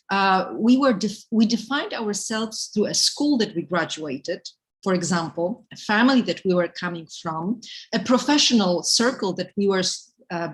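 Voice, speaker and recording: Over a video call, a woman professor runs a live online session, lecturing and moderating introductions while explaining ideas step by step. Her voice sits in the mid-range and she sounds upbeat and encouraging, though the audio quality is poor.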